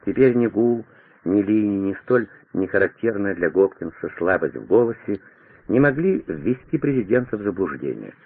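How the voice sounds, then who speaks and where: A man narrating a historical story in measured, dramatic audiobook style, over a tinny radio broadcast. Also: fairly low pitch, very animated, husky.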